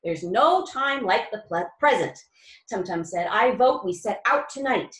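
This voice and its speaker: A woman voicing a calm, clever, food-loving male mouse who speaks in a reassuring, measured way, in a storybook reading. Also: medium pitch. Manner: reassuring, measured and pleased with himself. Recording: roomy echo.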